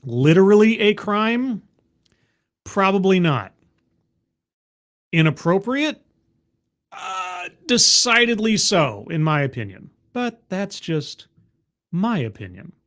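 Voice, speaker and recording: His voice sits high and a bit bright, swooping wildly in pitch, and he talks slowly with frequent pauses. The man is streaming his reactions to a video, casually tossing out wry, skeptical asides and thanking chat viewers.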